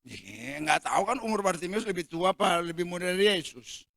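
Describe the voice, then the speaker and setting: A man with a Jakarta accent preaching a sermon, a dramatic, joking storyteller who bursts into shouts. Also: sits high, animated, brisk, vocal fry, dry recording. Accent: Jakarta Indonesian. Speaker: pastor. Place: church.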